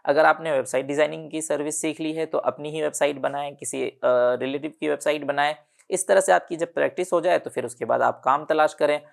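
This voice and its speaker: A man with a gravelly, creaky voice walks through a casual online lesson. He speaks at an unhurried pace, filling pauses with "uh" and correcting himself as he reads from his notes. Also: on the high side, steady tone. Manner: unhurried, many "uh" fillers and self-corrections while reading from notes. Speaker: online digital marketing instructor. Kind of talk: casual tutorial explanation.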